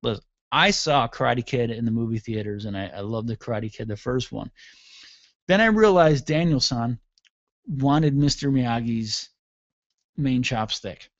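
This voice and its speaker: A man's voice: medium pitch, expressive, measured pace, no room sound, highs cut off. A middle-aged man hosting a radio show, delivering a sarcastic, mocking comedic rant on his own.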